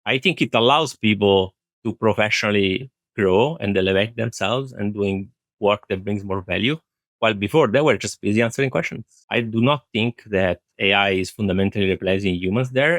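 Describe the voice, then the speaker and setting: Speaking fairly quickly in a fairly low voice, an IT director responds to interview questions with no room sound around him. He lays out his opinions earnestly and conversationally, returning to certain phrases to stress them.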